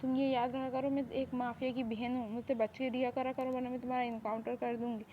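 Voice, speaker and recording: A woman's voice: fairly high pitch, little pitch movement, fast, natural voice. A woman voicing a mafia boss's spoiled, lovesick younger sister who talks in a demanding, boastful way, in a fan audio drama. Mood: pushy. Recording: tinny phone-like recording, faint hiss.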